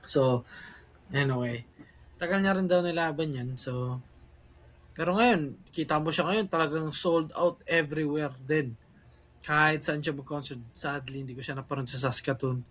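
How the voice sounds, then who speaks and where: A man's voice: a little high, steady tone, normal speed, a bit bright. A man from the Philippines co-hosting a podcast in casual, rambling chat that keeps switching languages and breaks into laughs. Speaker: podcast co-host.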